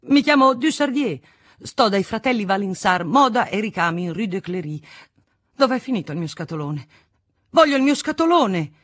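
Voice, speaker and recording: A woman reading an audiobook, voicing a strong young porter who shouts insistently. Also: mid-range voice, big pitch swings, normal speed, no echo, studio quality, voice pushed up. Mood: desperate shouting. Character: burly young shop porter, desperate and loud.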